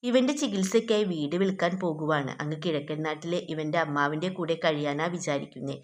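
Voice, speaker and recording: A woman teacher reads a textbook story aloud and explains it to her students, frequently asking them questions directly. Her voice is deep and she speaks a little fast.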